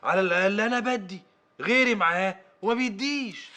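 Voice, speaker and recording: An actor playing a carefree, glib gambling husband in an Egyptian film, with an Egyptian accent and a breezy, self-justifying manner. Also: male voice, high-pitched, fairly quick, pushed and bright.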